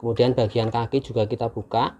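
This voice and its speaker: Male host, mid-pitched, patient step-by-step how-to delivery, indoor camera-mic sound. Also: fast talker, dull audio, a little hiss or hum. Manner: calm, patient step-by-step explaining. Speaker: channel host demonstrating a camping stove. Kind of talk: casual how-to demonstration. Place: indoors at a table, hands-only camera.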